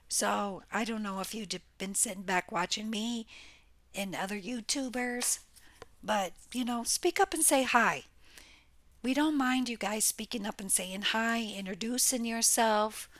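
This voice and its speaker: A woman's voice: mid-range voice, measured pace, a bit bright, no room sound. Blunt woman giving a tarot reading. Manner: blunt, exclaiming, scolds viewers with profanity. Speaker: tarot reader. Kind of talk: casual tarot reading monologue. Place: home room near a window.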